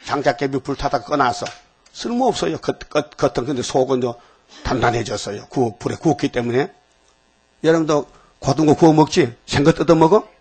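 A man's voice: medium pitch, brisk, darkish tone, husky. A man preaching an informal sermon to a small group, folksy and chatty, often asking the listeners questions.

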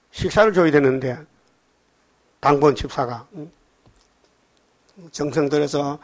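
A pastor preaching a sermon in a folksy way, often throwing questions at his congregation. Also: fairly high pitch.

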